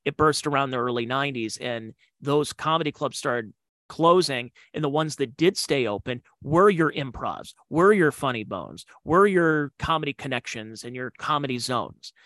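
A man's voice: mid-range voice, expressive, normal speed, fairly bright tone, no room sound. A man hosting a podcast, telling comedy club stories in a rambling, digressive way with slangy asides. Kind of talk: casual storytelling.

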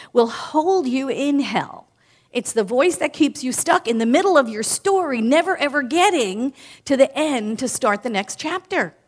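A woman speaking to a group as a spiritual speaker, leading a guided reflection. She moves between emphatic phrases and soft, hushed ones. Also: sits high. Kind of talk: guided reflection in a live talk.

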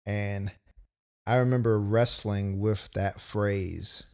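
A man's voice: lowish voice, fairly even intonation, takes it slowly, darkish tone. A young man casually telling a personal story as a podcast co-host, loose and full of quoted asides. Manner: laid-back, storytelling with many "like"s and quoted asides.

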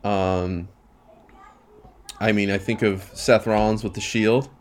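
A man's voice: fairly low pitch, fairly even intonation, takes it slowly. A man co-hosting a casual wrestling podcast, giving opinions with hesitant restarts. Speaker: podcast co-host.

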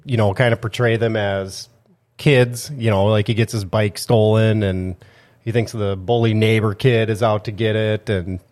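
A man's voice: on the low side, fairly even intonation, moderate pace, a little mellow. A man co-hosting a casual movie chat in a studio, rambling with lots of fillers. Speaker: podcast co-host.

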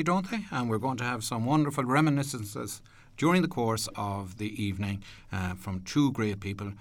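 A man with an Irish accent hosting a radio programme from a studio, presenting in an unhurried, courteous, slightly hesitant way. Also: lowish voice, a bit bright. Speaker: radio host. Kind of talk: radio presenting, part prepared narration, part chat.

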